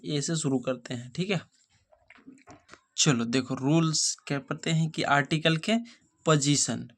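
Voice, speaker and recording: A man's voice: fairly high pitch, a bit bright. Man teaching grammar. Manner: repeats rhetorical questions, checks understanding often. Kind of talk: explaining a grammar lesson.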